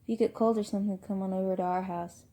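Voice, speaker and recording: A woman's voice: mid-range voice, steady tone, fast talker, warm tone, natural voice. A woman reads the part of a teenage boy in a storybook. He is a tough but caring friend, talking in plain slang. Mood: sleepy, casual.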